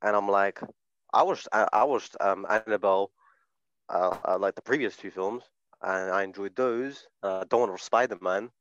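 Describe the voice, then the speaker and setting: A man's voice: fairly low pitch, normal speed, a bit bright, no room sound, lo-fi sound. A man who is a podcast guest, chatting casually and teasing his host, swearing now and then, talking into a phone. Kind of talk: casual chat.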